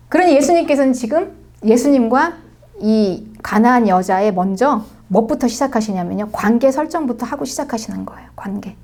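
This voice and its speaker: A middle-aged woman pastor preaching a sermon with a Seoul accent, dramatic, swinging between soft murmurs and raised cries. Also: fairly high pitch. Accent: Seoul Korean. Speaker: senior pastor.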